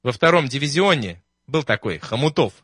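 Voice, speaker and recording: A man voicing a young army supply clerk who talks in an unhurried, matter-of-fact way. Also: medium pitch, lively intonation, fairly bright tone, breathy edge, dry recording, studio quality. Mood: easygoing.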